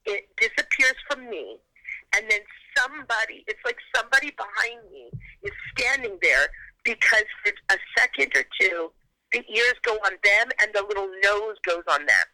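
A woman caller heard over a phone on speaker, talking in an excited, rushed and spooked way. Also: medium pitch, no room sound, rough recording. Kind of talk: casual phone call.

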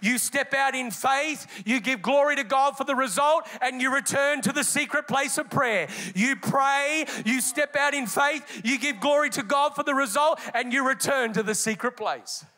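A man preaching a sermon in a high, bright voice. He is emphatic and builds rhythm by repeating his phrases. The tone is forceful throughout. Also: normal speed, few pauses. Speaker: pastor.

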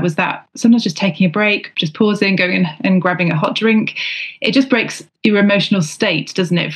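A woman from Britain co-hosting a wellbeing podcast, speaking calmly and reflectively, repeating phrases for emphasis. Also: mid-range voice. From United Kingdom. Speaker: podcast co-host. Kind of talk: casual podcast discussion.

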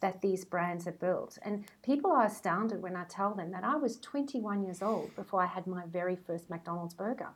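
A podcast interview features a brand strategist in her forties with a South African accent, chatting and telling stories. Her voice is lowish and slightly rough, moving at a normal speed with few pauses.

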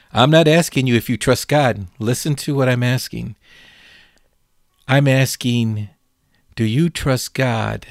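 A man preaching a sermon, slow and deliberate, asking his listeners question after question. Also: medium pitch, no room sound, clean studio sound.

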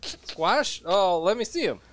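A man's voice: high-pitched, big pitch swings, takes it slowly, pitched above the performer's own voice, heavily acted. A man voicing a friendly, older, burly human blacksmith in a tabletop game. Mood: genial.

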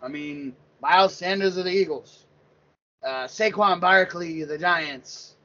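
A man's voice: high-pitched, unhurried, bright, forceful tone. A man in his thirties from Pennsylvania, talking sports casually and rambling, with many restarts. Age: 30s. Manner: rambling, repeats words and restarts often. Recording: lo-fi dull sound.

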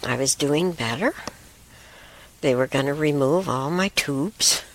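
A woman hosting a talk show, telling a spiritual story in a rambling way, with soft whispered asides. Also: low-pitched, unhurried. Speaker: show host.

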